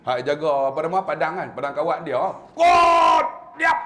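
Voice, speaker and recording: A man's voice: fairly high pitch, fairly even intonation, quick pace, echoey room, shouting, over a noisy crowd, heavy background noise. A man with a Malaysian Malay accent giving a humorous religious lecture, acting out the people in his stories. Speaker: religious preacher. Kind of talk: lively religious lecture with storytelling.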